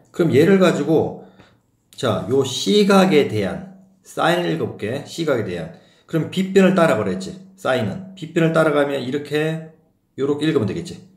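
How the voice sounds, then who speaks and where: A man's voice: on the high side, darkish tone, reverberant. A man teaching a math lesson, often asking questions to check that his students follow. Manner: questions the students, often asks if they got it. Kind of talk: classroom math lecture.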